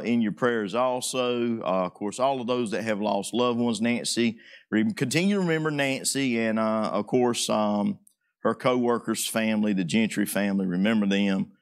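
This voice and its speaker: A Southern American pastor speaking gently from a pulpit mic in a church sanctuary, pausing often with fillers. His voice sits a little low. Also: clean tone. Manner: gentle, halting with many fillers. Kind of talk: leading church prayer requests.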